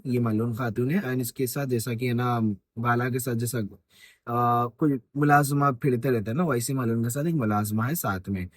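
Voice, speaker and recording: A man's voice: mid-range voice, dry recording, clean studio sound. A man casually breaking down a TV trailer, rambling and correcting himself with many fillers. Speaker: YouTube host.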